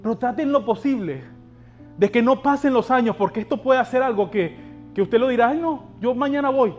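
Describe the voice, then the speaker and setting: A man's voice: very high-pitched, a little fast, a little mellow, dull audio, soft background music. A male pastor preaching a sermon, urging the congregation on and asking them rhetorical questions.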